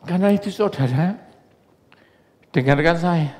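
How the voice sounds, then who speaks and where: A male pastor preaches to his congregation, chatty and joking as he tells stories. His voice sits fairly high for a man, and it rings with the long reverb of a church hall. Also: measured pace, darkish tone. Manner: conversational, joking storytelling to a congregation. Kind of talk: sermon.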